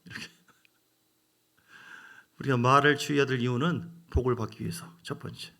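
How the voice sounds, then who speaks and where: A male pastor preaching a sermon, swinging from loud emphatic rises to quiet, hushed asides. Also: medium pitch, fairly even intonation, moderate pace, gravelly.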